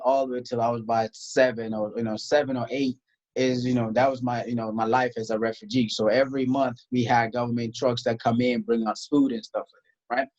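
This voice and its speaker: A South Sudanese man, a tax strategist, speaks as a guest in a conversational interview in a mid-range, darkish voice with the highs cut off. He talks emphatically, poses rhetorical questions and often says "you know" and "right?".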